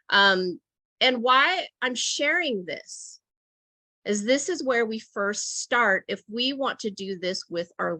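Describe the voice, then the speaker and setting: Bright-voiced woman leading a workshop. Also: medium pitch, no room sound. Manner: reflective, tags statements with "right?" and "okay?". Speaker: workshop facilitator for teachers. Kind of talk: online workshop talk.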